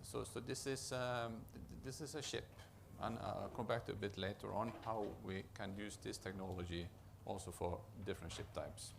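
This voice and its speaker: Presenting at a conference, this project manager from Norway has a deep, gravelly, creaky voice and a Norwegian accent. His intonation is fairly even, and he often stops mid-phrase to start over and repeat himself. There's noise in the background.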